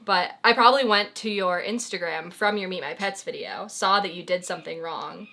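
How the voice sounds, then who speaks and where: A young woman hosting her own vlog in casual chat, talking with lots of "like" and trailing off softly. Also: lowish voice, normal speed, creaky. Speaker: vlogger host.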